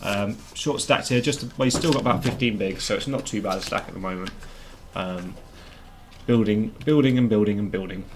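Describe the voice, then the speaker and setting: A man's voice: lowish voice, a little fast. Male stream host over noticeable noise. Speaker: poker stream commentator and host. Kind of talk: casual live commentary and banter.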